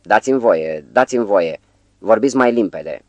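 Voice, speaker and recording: A man reading the part of a quiet, courteous male bystander who speaks softly in an audiobook. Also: fairly low pitch, animated, dry recording, close to an everyday voice. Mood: polite. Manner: soft-spoken, courteous.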